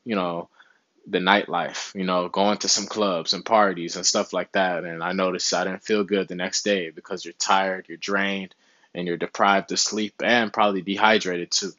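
A young man vlogging in a small room with a window behind him gives laid-back, motivational health advice to camera, often saying "you know what I'm saying." His voice is fairly low and fairly bright, with no echo and the highs cut off.

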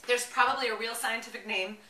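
This thirtysomething mom blogger shows off a product in her kitchen with an eager, kid-friendly chattiness, her slightly high, sharp voice fairly quick and fairly even in intonation. Captured by a camera a few steps off, the audio sounds roomy and distant.

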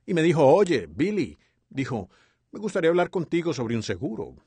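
A man reads a sermon dub with a lively, expressive delivery. His pitch moves a lot, and the voice is a bit breathy. The sound is dry and close. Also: normal speed, no echo. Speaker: sermon interpreter. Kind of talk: dubbed voice-over of a sermon.

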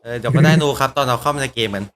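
A man's voice: medium pitch, racing, a bit bright. A man co-hosting a podcast in casual chat, adding information as he goes. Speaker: podcast co-host. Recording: clear background noise.

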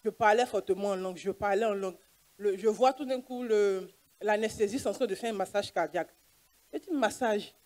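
Speaking a touch fast in a medium-pitched, darkish voice, a woman who is a doctor tells her church testimony earnestly. She acts out the conversations within her story as she goes.

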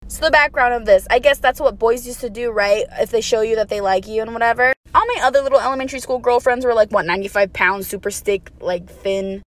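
A woman's voice: on the high side, a bit bright. A woman telling a crude, self-mocking story from her childhood for laughs. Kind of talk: comedic storytime.

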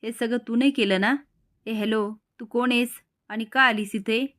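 Excitable, blunt young man read by a woman, hot-headed and exasperated. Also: on the high side, moderate pace, lightly acted.

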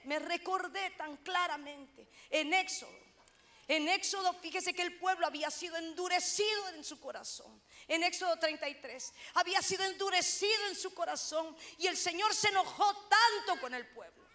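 A middle-aged woman pastor from Honduras, preaching a sermon in a loud, animated way with self-mocking humor. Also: very high-pitched, moderate pace.

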